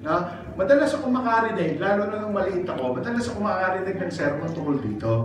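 Man from the Philippines, pastor preaching, high voice, animated storytelling, mixes Tagalog and English, asks "right?" and "amen?", distant mic, noisy. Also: fast talker, very echoey. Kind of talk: sermon.

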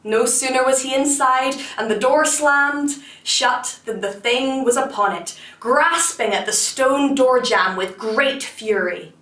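Slow, expressive woman storyteller. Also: high voice. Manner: slow, expressive, dramatic pauses. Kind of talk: children's folktale reading. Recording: roomy, distant mic.

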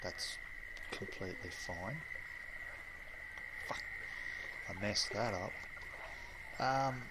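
A young man giving a relaxed, rambling gameplay tutorial full of fillers and pauses. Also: on the low side, heavy background noise. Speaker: game streamer. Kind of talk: casual gameplay tutorial commentary.

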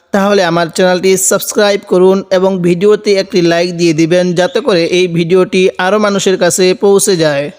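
A man's voice: high-pitched, clear, resonant tone, long reverb tail. A man teaching Quran reading, spelling out words letter by letter and drawing out the syllables as he recites.

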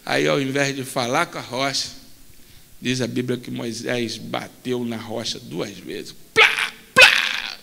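A man with a Rio de Janeiro accent preaching a sermon in a church, telling stories animatedly and swinging from shouts to murmurs. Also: medium pitch, fairly even intonation, unhurried, gravelly, very noisy. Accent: Brazilian Portuguese, Rio de Janeiro. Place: church sanctuary. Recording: long church hall reverb.

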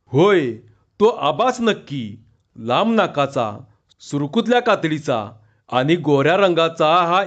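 Guy reading a story out loud, pretty high voice, measured and expressive, muffled lo-fi sound.

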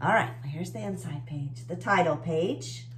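A story time host in her forties with an American accent reads a picture book aloud to children, asking questions to explain things simply. Her voice is on the low side and her pace measured. She's in a small room with bookshelves, and a little hiss or hum can be heard.

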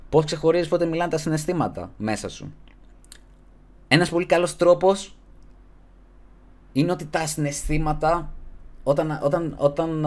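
A man hosting a casual podcast, giving earnest advice in slangy talk and closing his sentences with a low, mumbled "bro". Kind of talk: casual streamed podcast chat.

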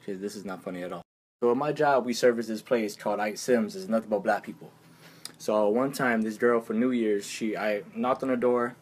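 Young man, husky voice, animated slangy vlog rant, mimics others' lines. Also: on the low side, a little fast. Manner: animated, acts out other people's lines in a raised voice; exasperated, uses slang. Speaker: vlogger. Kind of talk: casual storytelling rant.

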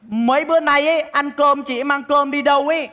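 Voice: high-pitched, steady tone, fairly quick, pushed and bright, long reverb tail. A comic actor playing a spoiled, whiny younger daughter in a stage comedy sketch, needling and pleading with her mother.

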